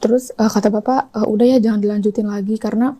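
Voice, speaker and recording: A woman's voice: mid-range voice, steady tone, warm tone. A young woman, retelling a personal story as an interview guest, with lots of quoted dialogue. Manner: rapid, breathless retelling full of quoted dialogue. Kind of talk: confessional storytelling.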